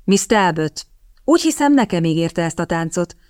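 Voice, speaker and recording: A woman's voice: sits low, expressive, a little mellow, no room sound, studio quality. A stiff commanding suitor, read by a woman. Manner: curt, commanding. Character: stiff, domineering gentleman suitor.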